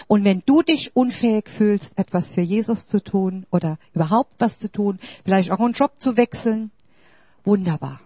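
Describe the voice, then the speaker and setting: A woman's voice: mid-range voice, darkish tone, no echo. A woman preaching a sermon, emphatic, questioning the congregation directly and rising to exclamations.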